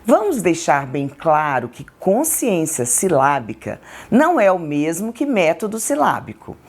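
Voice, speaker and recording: A woman with a Brazilian Portuguese accent, a textbook author explaining literacy activities slowly and deliberately. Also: lowish voice, very animated, darkish tone, slightly rough. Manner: slow, deliberate, syllable-by-syllable examples. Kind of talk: educational explainer.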